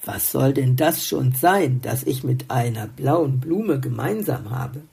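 A woman's voice: extremely low pitch, animated, slow pace, gravelly, warm tone, slightly rough, pitched below the performer's own voice, exaggerated voice. A woman voicing a grumpy, puzzled little male songbird in a storybook, grumbling and doubting. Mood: grumbling, doubtful.

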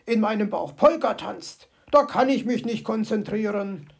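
Brief: a woman playing a grouchy fox gentleman, dry sarcasm, gravelly grumbles. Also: medium pitch, moderate pace. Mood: grumbling. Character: grumpy, sardonic old male fox.

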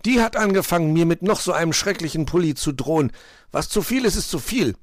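A man's voice: medium pitch, normal speed, a little mellow, no echo, clean studio sound, voice pushed up, natural voice. A man voicing a grumpy, smug male gnome who grumbles and gloats. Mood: indignant. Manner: grumbling, then smugly content.

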